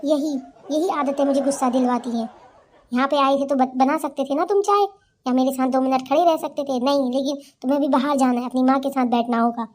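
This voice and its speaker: A frustrated, overworked young daughter-in-law in a cartoon story, voiced by a woman. Her voice is high and mellow, and she speaks in a plaintive, complaining way. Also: fairly even intonation, fairly quick, a little hiss or hum, close to an everyday voice. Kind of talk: cartoon voice acting.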